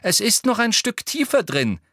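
A man voicing a determined, brisk teenage girl in an audiobook, firm and loud. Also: high-pitched, very animated, no echo, clean studio sound, voice pushed up, exaggerated voice. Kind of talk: audiobook character voice.

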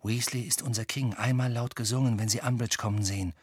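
A man voicing a quick-witted teenage girl who speaks softly and hurriedly. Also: medium pitch, fairly even intonation, breathy edge, dry recording, studio quality, natural voice. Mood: hushed. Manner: soft, hushed, hurried.

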